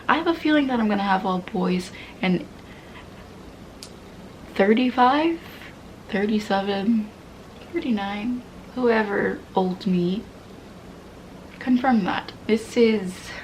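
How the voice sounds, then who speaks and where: A woman's voice: medium pitch, slight background noise, poor audio. A woman in her twenties candidly venting, rambling and swearing casually, often dropping into half-whispers. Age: 20s. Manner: swears casually, laughs at herself. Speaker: vlogger. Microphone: poor-quality mic.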